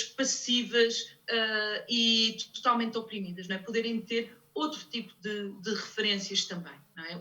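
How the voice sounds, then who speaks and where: A woman's voice: medium pitch, sharp tone, distant mic, low-quality recording. A woman in her forties with a European Portuguese accent, a sociologist guest on a studio talk show who keeps tagging points with "não é?" between hesitant fillers. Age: 40s. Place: television studio.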